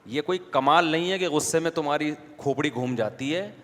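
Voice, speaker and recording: A male preacher delivers an Islamic lecture in a voice a little higher than most men's, with a slightly bright tone. His manner is casual and conversational, and he keeps asking the audience questions. A long reverb follows his words, as though he were in a large hall.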